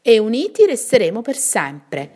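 A woman voicing a strong, brave and generous young knight in a bedtime story, confident and steady. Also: fairly high pitch, moderate pace, pitched above the performer's own voice.

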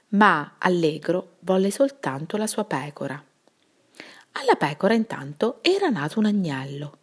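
A woman teacher reading a fairy tale aloud to children in an expressive storytelling manner. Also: lowish voice.

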